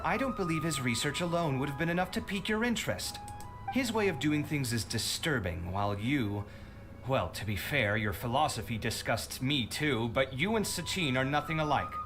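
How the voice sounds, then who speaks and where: An actor playing an outspoken, idealistic young male scholar in a video game, expressive and reproachful. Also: medium pitch, close to an everyday voice. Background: game music.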